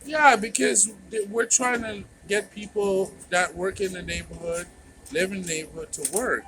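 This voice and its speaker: This is a man's high, slightly bright voice at an ordinary speed. Out on a noisy street with traffic going by, he does casual interviews and commentary in a plain, sincere manner that repeats itself a lot.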